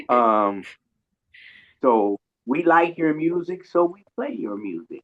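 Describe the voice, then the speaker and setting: A radio show host, a man with a slightly high voice whose pitch swoops wildly and who draws out his words, runs a casual interview in an informal, colloquial style. He calls himself a loud joker and jokes accordingly. The audio is dull and lo-fi.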